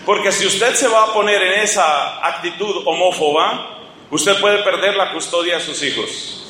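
A man's voice: sits high, moderate pace, sharp tone, slight background noise. A man voicing a stern female schoolteacher who warns a parent in a curt, threatening way, while preaching in an echoing hall.

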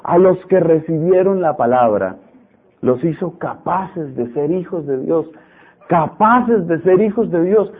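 An animated man delivers a sermon, repeating phrases and acting out stubborn voices. His voice sits high and sounds husky. It comes through a narrow, tinny radio broadcast. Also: unhurried. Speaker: preacher.

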